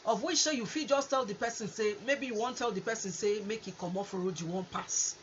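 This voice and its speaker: A woman's voice: medium pitch, brisk. Nigerian Pidgin-speaking woman host, muffled audio. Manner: animated, acts out example exchanges. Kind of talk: conversational advice talk to an online audience. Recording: muffled lo-fi audio with faint noise.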